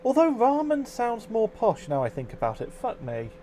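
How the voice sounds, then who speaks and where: A casual man talks through a live stream, wandering between thoughts and swearing freely. His voice sits a little high for a man. A faint electrical hum runs underneath. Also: huge pitch swings, moderate pace, dark tone. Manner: casual, rambling, reads out chat comments, swears freely. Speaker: overclocking livestreamer.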